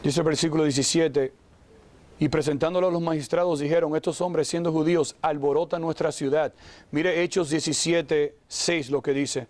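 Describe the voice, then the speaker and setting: A man's voice: on the high side, steady tone, moderate pace, a little mellow. A man preaching a sermon, who exclaims often, asks his listeners direct questions and acts out the voices of figures in the story. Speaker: pastor.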